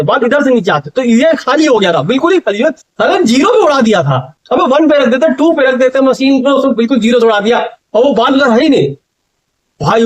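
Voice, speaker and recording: High-voiced young man telling a funny story. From India. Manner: animated, laughing at his own story. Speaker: vlogger. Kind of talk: casual storytelling.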